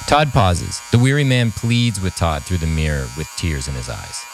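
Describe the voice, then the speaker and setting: A man's voice: deep voice, animated, moderate pace, noisy background. A man narrating a scripted story aloud as a podcast host.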